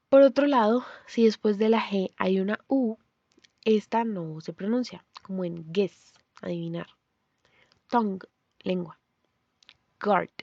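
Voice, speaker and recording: A woman giving a scripted pronunciation lesson, explaining clearly and saying example words slowly. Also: medium pitch, darkish tone, no echo, highs cut off. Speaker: language teacher.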